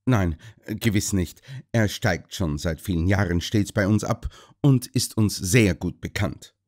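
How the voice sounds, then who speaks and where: A man's voice: low voice, measured pace, darkish tone. A polite hotel clerk answers questions with a hesitant, umming manner, as a male narrator voices him. He sounds courteous and careful. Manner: hesitant with fillers.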